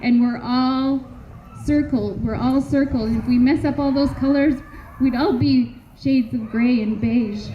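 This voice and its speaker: Speaking slowly and with measured pauses, a Canadian woman offers a heartfelt public address to a community memorial gathering in an earnest manner. Her high-pitched voice keeps a fairly even intonation, captured in a dull lo-fi recording with faint noise behind it.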